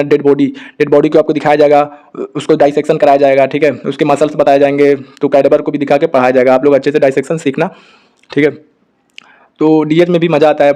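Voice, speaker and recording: A young man, a doctor, giving casual advice to students and checking in with "okay" after almost every point. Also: fairly high pitch. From India. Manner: talks fast in a flat tone, with constant "ठीक है" check-ins. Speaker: doctor giving study guidance.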